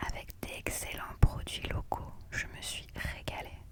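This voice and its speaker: A woman narrating an ASMR vlog in a quiet, hushed night-time whisper, close to the microphone. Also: measured pace. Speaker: vlogger narrating her trip.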